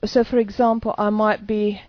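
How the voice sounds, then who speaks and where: A woman's voice: medium pitch, little pitch movement, normal speed, muffled recording. Hesitant woman talking to camera. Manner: hesitant, many restarts. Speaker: EFT practitioner. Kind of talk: casual talk to camera.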